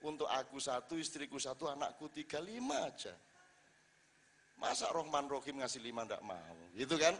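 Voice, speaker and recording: A man's voice: medium pitch, very animated, moderate pace, a bit bright, breathy edge, heavily acted. A man playing a brash fisherman who haggles with God in a cheeky, demanding way, told as a joke in a sermon. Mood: indignant haggling. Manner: cheeky, demanding, mock-indignant. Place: large hall at an evening religious gathering.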